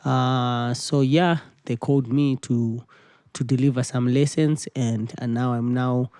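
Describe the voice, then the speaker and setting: A man, a musician answering interview questions in a halting way and repeating words as he searches for phrasing. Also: medium pitch, steady tone, mellow, clean tone, no echo, studio quality. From Zimbabwe. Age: 20s. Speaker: musician guest.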